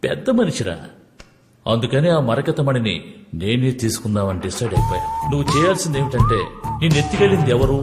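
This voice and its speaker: A man's voice: medium pitch, huge pitch swings, fast, echoey room, big-room sound, soft background music. An actor playing a boastful gang boss lecturing his captive in a comedy film scene.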